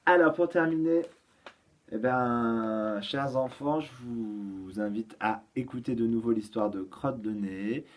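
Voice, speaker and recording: Male teacher, patient and slow, for small children, lots of hesitations. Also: medium pitch. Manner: patient, explains slowly with many fillers. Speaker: kindergarten teacher. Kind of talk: home-schooling lesson for young children.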